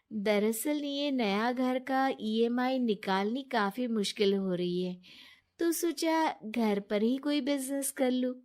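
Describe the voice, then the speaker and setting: A woman voicing a kind, trusting young woman friend in a storybook tale, with a lively, soothing way of talking. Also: high voice, pitched above the performer's own voice.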